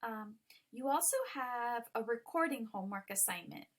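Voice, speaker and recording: A woman's voice: a little high, expressive, normal speed. A woman ESL teacher walking students through an online lesson, explaining patiently with many ums. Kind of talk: recorded online lesson walkthrough.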